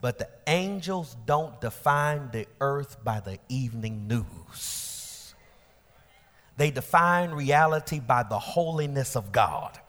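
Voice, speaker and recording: Male pastor, dynamic sermon delivery, shouted climaxes and soft drops, reverberant sanctuary. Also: medium pitch, animated, takes it slowly. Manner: preaching with rising shouted peaks and quiet drops; colloquial asides. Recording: long church hall reverb.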